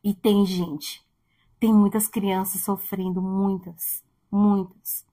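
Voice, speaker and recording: A woman preaching a heartfelt sermon in a conversational way, growing soft and quiet at tender points. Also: mid-range voice, little pitch movement, slow pace, slightly rough. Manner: heartfelt, conversational, speaks softly at tender moments. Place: church.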